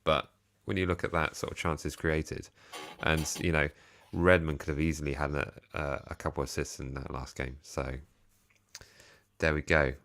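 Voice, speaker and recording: A man's voice: extremely low pitch, flat delivery, moderate pace, fairly bright tone. A young man co-hosting a casual football fan show, chatting and reading out viewer comments. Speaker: co-host of a football fan channel. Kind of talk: casual chat.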